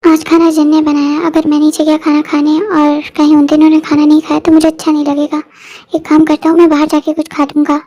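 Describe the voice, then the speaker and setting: High-voiced reader doing a hesitant young man. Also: monotone, brisk, warm tone. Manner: hesitant, polite.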